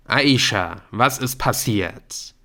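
A man voicing a calm adult schoolteacher who speaks in a measured, firm way. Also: medium pitch, exaggerated voice. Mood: calm authority. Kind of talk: audiobook character voice.

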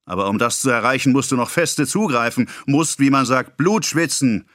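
A pompous, excitable middle-aged apothecary, put on by a male reader in an audiobook, ranting in a strained, raised voice well above the reader's own. He scolds breathlessly and with great self-importance. The sound is close and dry. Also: fairly high pitch, slow pace, no room sound, pitched above the performer's own voice, exaggerated voice. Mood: scolding. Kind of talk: audiobook character voice.

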